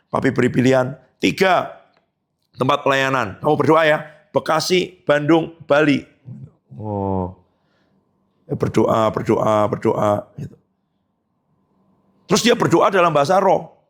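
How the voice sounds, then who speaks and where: A man preaching a conversational sermon as pastor, rising into emphatic peaks and acting out quoted dialogue. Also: medium pitch.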